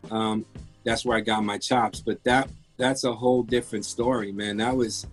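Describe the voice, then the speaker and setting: With faint music in the background, a Frenchman in his fifties who works as a music engineer recounts his career as an interview guest. His voice sits low, intonation fairly even, at a normal speed, and his casual, candid telling rambles with frequent restarts.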